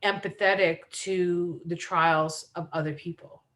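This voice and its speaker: A woman co-hosting a casual chat, chatty and teasing and quick to laugh. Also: fairly low pitch, steady tone, fairly bright tone. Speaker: co-host.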